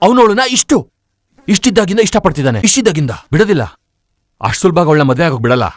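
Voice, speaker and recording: A man's voice: on the high side, very animated, very fast, no room sound, clean studio sound. An actor playing a stern, hot-tempered young village man who speaks firmly and with menace. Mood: threatening. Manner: firm, threatening. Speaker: hero engaged to his cousin. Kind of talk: Kannada film dub.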